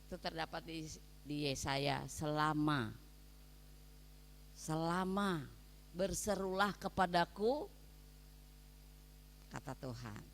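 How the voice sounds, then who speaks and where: A woman pastor preaching a sermon, swinging between soft asides and loud, emphatic calls to her listeners. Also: low-pitched, slow, long pauses, a little hiss or hum. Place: prison hall, preaching to inmates. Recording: long hall reverb.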